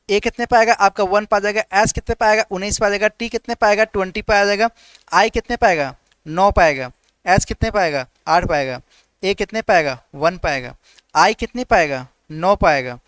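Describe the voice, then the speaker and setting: High-voiced man drilling a class. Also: fairly bright tone, clean tone, no room sound. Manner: rapid call-and-response drilling, asks letter values and answers himself; repeats "ठीक है" as a filler. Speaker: reasoning teacher for government exams. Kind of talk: online exam-prep class.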